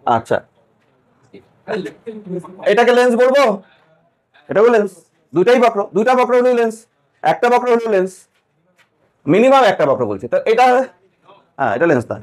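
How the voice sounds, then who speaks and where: A man's voice: high voice, very animated, normal speed, pauses often. A man teaching physics in a classroom lecture, asking the students questions and repeating key points.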